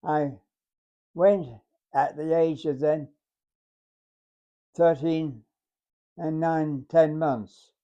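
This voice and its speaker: A hundred-year-old man, a war veteran telling his memories in a halting, deliberate way. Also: fairly high pitch, steady tone, mellow, dull audio. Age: 100. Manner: halting, deliberate, acts out remembered dialogue. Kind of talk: unscripted reminiscence, storytelling.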